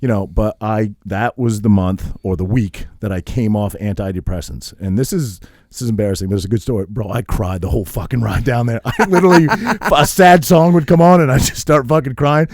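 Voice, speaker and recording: A man's voice: on the low side, a little fast, few pauses, darkish tone, no room sound, studio quality. A man in his thirties co-hosting a podcast, telling stories in a casual, profane way and laughing at himself. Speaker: podcast co-host.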